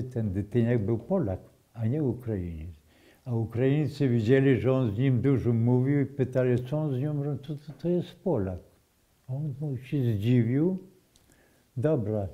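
An older man speaking in a recalls what he witnessed. He talks slowly and haltingly, in a very dark, mellow voice. He often breaks off, restarts and repeats phrases. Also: medium pitch, muffled recording. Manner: slow, halting storytelling with restarts and repetitions. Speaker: eyewitness. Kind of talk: oral history testimony.

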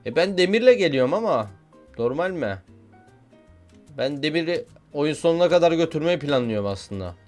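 A young man giving casual, excitable commentary while playing a video game, joking and shouting at what happens on screen. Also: fairly high pitch, normal speed, soft background music. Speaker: gaming YouTuber.

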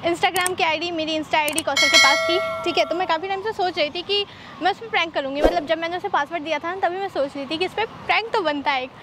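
A woman's voice: extremely high pitch, fast, very noisy. A young woman hosting a prank vlog, talking casually and teasing her boyfriend in a playful, coaxing way. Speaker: prank vlogger.

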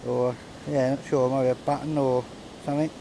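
A man's voice: mid-range voice, flat delivery, normal speed, creaky, mellow, slight background noise. A man giving casual running commentary while metal detecting on a pebble beach, chatty and understated, chuckling between finds, recorded on a handheld camera outdoors. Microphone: camera held close, filming his hands.

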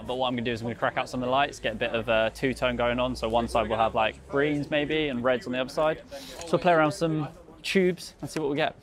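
A man's voice: mid-range voice, fairly even intonation, fast talker. A man, a photographer chatting casually to camera and explaining his gear while he shoots in the street. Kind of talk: casual vlog commentary. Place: busy London streets and graffiti tunnel, outdoors. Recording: crowd noise behind.

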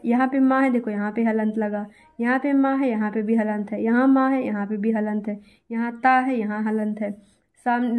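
A woman's voice: fairly high pitch, a little mellow. Woman teacher coaching students on grammar. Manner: reassuring, repetitive, addresses students directly. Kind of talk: exam-prep grammar lesson.

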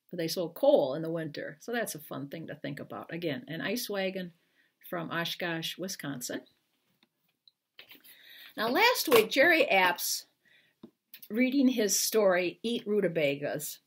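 An older American woman from Iowa, a children's book author, reads a picture book aloud and chats informally with viewers from her living room. Her voice is expressive and husky, with lively pitch. She's captured on a webcam at arm's length.

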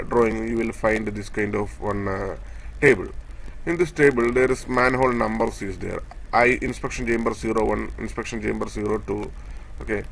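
With frequent fillers and pauses, a male instructor explains a technical process step by step while pointing over a drawing on a shared screen. The voice is medium-pitched with vocal fry, and a light hiss or hum is audible.

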